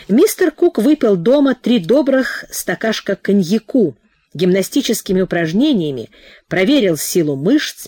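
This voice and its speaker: A woman reading a novel aloud in expressive audiobook narration. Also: mid-range voice, no echo, clean studio sound. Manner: expressive storytelling. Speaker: audiobook reader.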